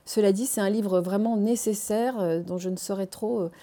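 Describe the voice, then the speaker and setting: A woman's voice: medium pitch, fairly even intonation, normal speed, mellow. A woman interviewing a guest in a TV studio, with an English accent, hesitating often with fillers and restarts.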